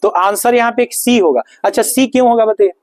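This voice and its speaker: A man's voice: very high-pitched, brisk, darkish tone, no echo, low-quality recording. A male teacher running a grammar lesson in a classroom, firing repeated questions at his students.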